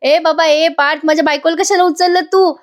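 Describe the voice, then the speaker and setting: A woman's voice: very high voice, fairly even intonation, a little fast, pitched above the performer's own voice. A woman reading out the lines of a cheerful middle-aged man in a family serial, jovial and teasing.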